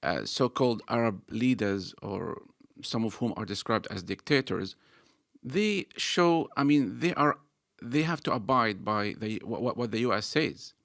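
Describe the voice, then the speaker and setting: An earnest man makes his case in a panel debate. He pauses on fillers and restarts his phrases. His voice sits at a middling pitch, and it is recorded close and dry with no room sound. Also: expressive, a bit bright, dry recording. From Gaza. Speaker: panel speaker. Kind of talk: debate argument.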